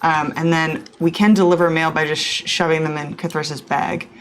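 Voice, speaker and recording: Woman player joking around dryly in a tabletop game, lowish voice, slight background noise. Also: flat delivery, moderate pace. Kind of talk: casual storytelling banter.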